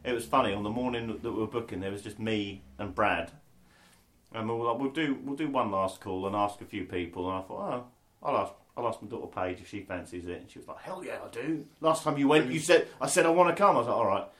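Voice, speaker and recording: A man, co-hosting a podcast and telling sweary, animated anecdotes. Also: fairly low pitch, fast talker. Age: 40s. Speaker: podcast co-host. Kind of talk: casual storytelling.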